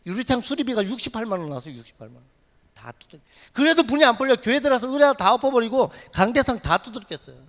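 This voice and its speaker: A high-pitched male missionary races through a dramatic personal testimony, his voice leaping up and down as he acts out every shout. He is recorded in a church sanctuary, and his words ring on in a long reverb. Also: quick pace. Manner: animated storyteller, acts out shouts and dialogue.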